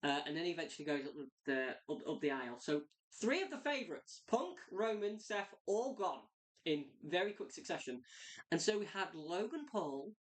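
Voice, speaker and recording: Low-pitched woman reviewer, chatty and excitable, rambles freely. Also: normal speed. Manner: excitable, rambling, many "like" fillers. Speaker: wrestling reviewer. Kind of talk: casual spoken review.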